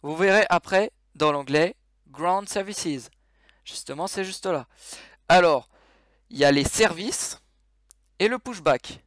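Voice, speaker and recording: A man's voice: sits high, slow, long pauses, a bit bright, no room sound, clean studio sound. A man giving a casual game tutorial over his screen, explaining controls with many fillers and restarts.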